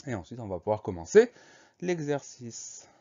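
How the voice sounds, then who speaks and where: A man teaching a spelling lesson, explaining words slowly and spelling them out letter by letter. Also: mid-range voice, big pitch swings, warm tone, highs cut off.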